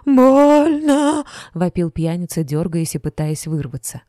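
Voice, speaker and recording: A woman reading a first-person audiobook in a measured, even way. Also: deep voice, no echo, studio quality. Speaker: audiobook narrator.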